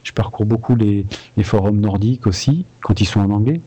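A man's voice: lowish voice, brisk, warm tone. A man, a video game composer, talking frankly and casually in an interview, with many restarts.

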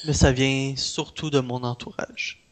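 Man with a Québécois French accent, mid pitch. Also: steady tone, a little slow, fairly bright tone. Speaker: interviewee, independent game developer. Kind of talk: casual conversation.

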